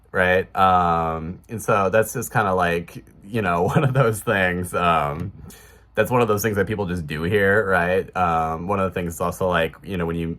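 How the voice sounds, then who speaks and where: Low-voiced man with a Chicago accent. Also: a bit bright. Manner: rambling, many fillers and restarts. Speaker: vlogger. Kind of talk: casual talk to camera.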